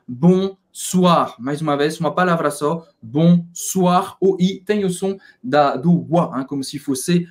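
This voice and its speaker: A man's voice: a little high, takes it slowly, hardly any pauses, darkish tone. A man co-hosting a casual video lesson, who repeats each word several times so it can be practiced. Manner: drills words by repeating them. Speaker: language teacher, co-host.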